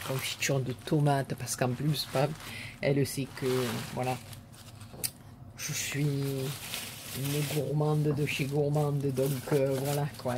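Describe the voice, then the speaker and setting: A woman's voice: very deep voice, background noise. A woman vlogger chatting casually to viewers as she unboxes a parcel, gushing and repeating her words of praise with many fillers.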